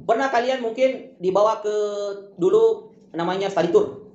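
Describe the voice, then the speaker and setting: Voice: medium pitch, normal speed, a little mellow. A tutor explaining a school lesson step by step with lots of examples, often repeating the same closing phrases. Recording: roomy, dull lo-fi recording.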